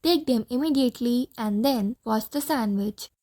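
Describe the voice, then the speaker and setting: A woman's voice: fairly high pitch, normal speed, mellow, natural voice. A woman reading the part of a pompous, bossy male Martian leader in an audiobook play, with a commanding, easily alarmed manner.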